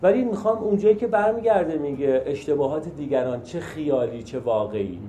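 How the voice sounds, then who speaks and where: A man's voice: fairly high pitch, lively intonation, dark tone, reverberant, a little hiss or hum. A man leading a support group, teaching emphatically, asking rhetorical questions and acting out everyday examples. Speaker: group session leader.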